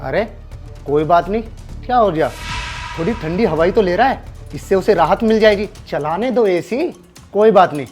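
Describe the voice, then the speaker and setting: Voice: medium pitch, animated, moderate pace, a little mellow, faint music behind, natural voice. A performer acting a husband who firmly reasons and defends the servant in a short drama skit. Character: husband, a fair-minded office-going man. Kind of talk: scripted Hindi skit acting.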